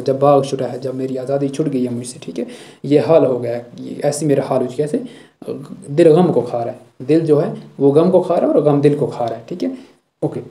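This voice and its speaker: A man with a very dark, mellow voice teaches a school poem line by line. He recites each verse slowly, then breaks it down in plain explanation, often checking in with "thik hai". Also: medium pitch. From Jammu and Kashmir.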